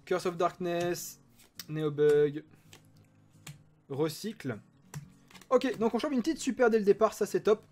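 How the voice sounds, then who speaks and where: A man's voice: high-pitched, measured pace, pauses often, warm tone, faint music behind. A man chatting enthusiastically as he opens trading card packs, reading card names aloud. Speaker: card-opening YouTuber. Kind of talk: casual unboxing commentary.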